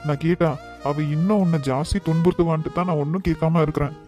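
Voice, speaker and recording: A man's voice: a little high, fairly even intonation, quick pace, a little mellow, muffled recording, faint music behind, close to an everyday voice. Tender cartoon father, voiced by a man. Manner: pleading, affectionate. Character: worried, tender father of a grown daughter.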